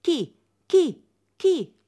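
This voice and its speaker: A woman crying out as a screechy little owl. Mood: eager. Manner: sharp high "who" cries.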